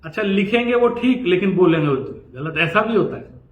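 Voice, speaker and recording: A man in a teaching role lectures on scripture, slowly chanting verses before explaining them in a lively, conversational manner. His voice sits somewhat high. The recording is roomy and echoey, with a dull, muffled tone.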